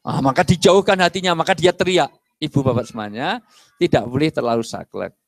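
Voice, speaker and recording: A middle-aged male preacher, giving a lively sermon and acting out little dialogues. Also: on the high side, a little fast, no room sound. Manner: animated, acts out dialogues and jokes with the audience. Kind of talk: lively sermon to a mosque congregation.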